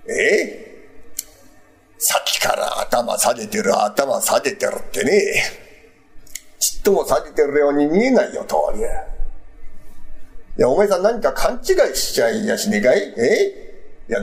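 Guy doing a pompous old edo landlord, mocking drawl, high voice that swoops around, rakugo. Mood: sneering. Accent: old Edo Tokyo. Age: older. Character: stubborn, sneering elderly male landlord. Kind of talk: rakugo storytelling.

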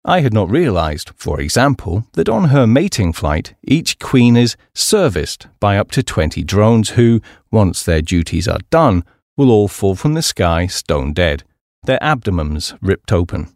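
A man with a fairly low voice narrates a humorous memoir for an audiobook, measured and articulate, his pitch moving lively. The recording is dry and close, with no room sound or echo.

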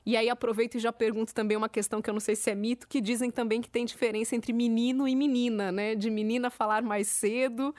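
A woman's voice: a little high, flat delivery, fast talker, few pauses, a little mellow, dry recording, studio quality. A woman hosting a podcast, telling a personal story in a chatty, casual way. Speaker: podcast host. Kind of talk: casual conversation.

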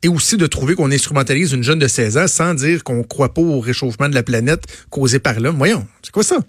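A man's voice: mid-range voice, fairly quick, dry recording, studio quality. A man with a Quebec French accent, co-hosting a radio show and bantering casually, joking and telling stories. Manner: joking storyteller, bursts into put-on voices. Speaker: radio co-host.

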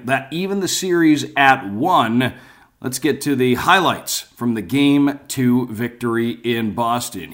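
A man hosting sports radio, giving a conversational recap. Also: mid-range voice.

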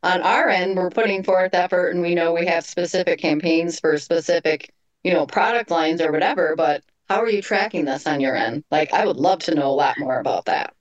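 A woman's voice: lowish voice, a little fast, lo-fi sound. A woman on a marketing team, talking casually and pressing her point with repeated questions. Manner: emphatic rhetorical questions. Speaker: campaign team member. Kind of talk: casual podcast chat.

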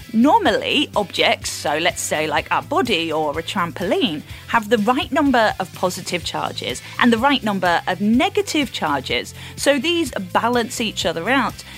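A woman science presenter explaining things simply to children in a bright, curious, encouraging way. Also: mid-range voice, big pitch swings, a little slow, faint music behind. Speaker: guest science presenter and prop builder.

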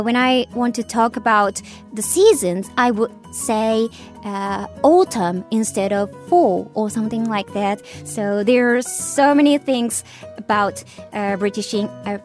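A Japanese woman hosts a radio show, switching between English with a Japanese accent and Japanese. She stops often to search for words, with many fillers. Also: fairly high pitch. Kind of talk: casual talk in English and Japanese.

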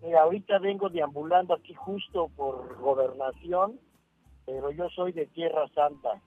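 A man's voice: fairly high pitch, normal speed, slightly rough, soft background music. A middle-aged man, calling in to a radio show over a phone line and joking with playful wordplay. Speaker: caller. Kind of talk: call-in chat on radio. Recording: tinny dry phone line.

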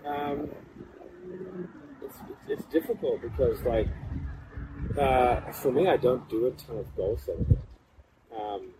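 A man's voice: mid-range voice, slow pace, pauses often. A man in a casual podcast chat, talking in a rambling, informal way. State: cold, in an ice bath. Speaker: podcast speaker. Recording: clearly noisy background hum.

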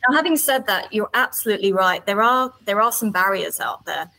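Female business guest for interview. Bright, crisp-edged tone, measured conversational explainer. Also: mid-range voice, expressive, rough recording.

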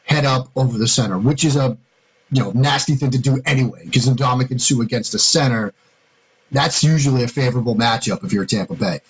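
A man's voice: mid-range voice, brisk, slightly rough, rough recording. A man co-hosting a sports podcast, talking through defensive schemes step by step in a casual, analytical way. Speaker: podcast co-host, football analyst.

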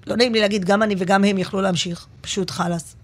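A woman stand-up comedian talks as an interview guest in a radio studio. She tells stories in a lively, expressive way. Her voice sits at a medium pitch. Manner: animated, expressive storyteller. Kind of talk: casual interview chat.

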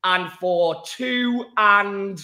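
A man presents a casual sports show with a croaky, mildly hoarse voice. His pitch sits a little above the usual male range. He is chatty and jokey as he hosts. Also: very slow, pushed and bright. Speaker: podcast host.

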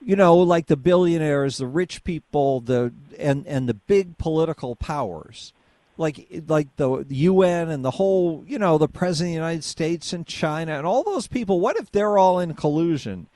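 A man's voice: on the high side, lively intonation, moderate pace, dark tone, no echo. A male radio host on a call-in show, leading the caller along with pointed questions. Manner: probing, leads the caller with questions. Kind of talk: call-in talk radio debate.

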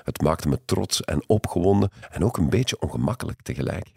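A man tells a first-person story in a scripted, intimate and measured narration. His voice is extremely deep, husky and gravelly. The sound is dry and close. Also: lively intonation, darkish tone, no echo.

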